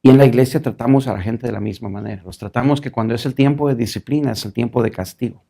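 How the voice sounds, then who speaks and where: A man preaching a sermon as a pastor, telling stories in a lively way and slipping into English phrases now and then. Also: mid-range voice, fast talker, creaky.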